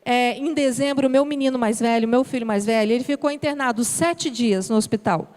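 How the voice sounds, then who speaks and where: High-voiced woman preaching in a reverberant church. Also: brisk, darkish tone. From Brazil. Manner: emotional storytelling with quoted prayers. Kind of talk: sermon testimony.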